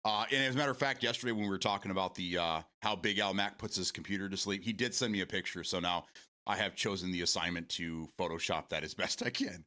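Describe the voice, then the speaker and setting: A man's voice: sits low, fast talker, pushed and bright. A man in his forties hosting a casual morning stream, rambling, repeating words and swearing casually as he answers viewer comments. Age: 40s.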